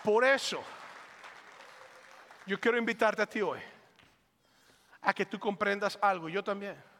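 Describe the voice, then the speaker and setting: A male pastor preaching a sermon, swinging between fervent loud calls and hushed, pleading lines. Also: sits high, unhurried, in a large hall, a faint crowd. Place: church sanctuary.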